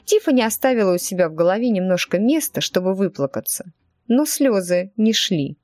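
A woman narrating an audiobook with expressive storytelling. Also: medium pitch, fairly quick, no room sound.

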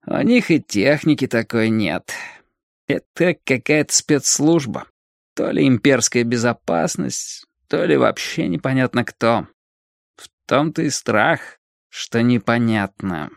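A man playing a hard, calculating teenage gang leader who speaks in a measured, lecturing way. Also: mid-range voice, expressive, gravelly, dry recording, clean studio sound. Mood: grim.

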